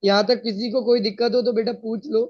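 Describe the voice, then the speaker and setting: A man's voice: very high voice, level tone, fairly quick, darkish tone. A male teacher explaining a science lesson to students, patiently checking that they follow. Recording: dull lo-fi sound.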